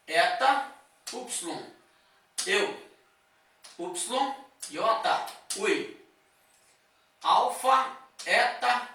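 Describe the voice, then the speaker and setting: A man's voice: very high-pitched, pushed and bright, a little hiss or hum. A man teaching a lesson, explaining step by step and checking in with his listeners often. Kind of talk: classroom lecture. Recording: echoey room, voice from a distance.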